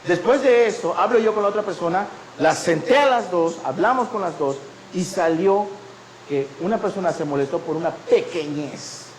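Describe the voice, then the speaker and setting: A male pastor preaching with a high, lifted voice, telling stories and acting out the people in them. The sound rings around an echoey church hall. A faint hum of noise sits underneath. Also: normal speed. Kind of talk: sermon.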